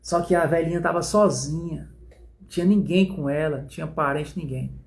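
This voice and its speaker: A man teaching a Bible study in a sermon style, telling stories dramatically with slow, emphatic phrasing. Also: a little high, fairly even intonation, vocal fry.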